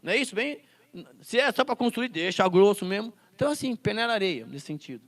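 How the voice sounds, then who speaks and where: Animated man teaching a Bible class. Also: sits high, fast. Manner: asks the class rhetorical questions; quotes scripture and acts out classroom scenes.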